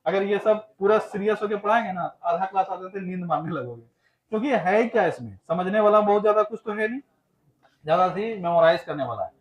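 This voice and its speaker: A man's voice: sits high, brisk, lo-fi sound. A man from Bihar, teaching an exam-prep class and drilling students with repeated questions and answers. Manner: chants answers in a loud, laughing sing-song.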